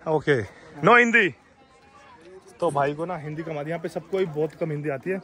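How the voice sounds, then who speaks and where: Out at a hilltop fort, a man vlogs excitedly, cracking jokes and calling out to strangers as he chats with passersby. His voice is fairly high and his pace normal.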